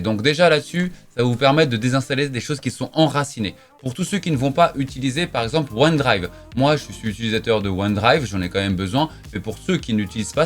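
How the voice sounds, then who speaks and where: A man giving a casual screen-recorded tech tutorial, chatty and emphatic, with frequent filler words like "voilà" and "donc". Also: medium pitch. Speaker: tech youtuber.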